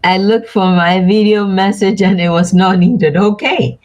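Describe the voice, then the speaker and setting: A woman hosting a live stream, reading oracle cards aloud and chatting softly with viewers by name. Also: mid-range voice, low-quality recording. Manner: slow, soothing, chats with viewers by name. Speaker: card reader and live stream host.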